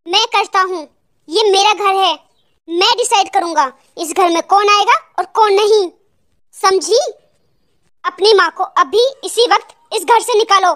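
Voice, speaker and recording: A voice actor playing a harsh, domineering young husband in an animated family drama. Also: male voice, very high-pitched, normal speed. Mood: angry. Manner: harsh, domineering, shouting orders. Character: angry young husband throwing out his mother-in-law. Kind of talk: animated cartoon drama dub.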